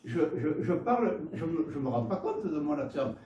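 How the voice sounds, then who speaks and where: A man's voice: on the high side, very animated, echoey room, recorded from a distance, muffled recording, slight background noise. A man with a Gascon French accent preaching a sermon, often stumbling and repeating words as he tells homely stories. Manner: halting, repeats words, warm storytelling asides. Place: church hall.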